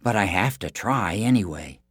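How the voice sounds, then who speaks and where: A man playing an earnest young prince in a storybook, unsure but pressing on. The voice is husky and dry, close to the narrator's own. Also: on the low side, expressive, normal speed, no room sound. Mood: worried.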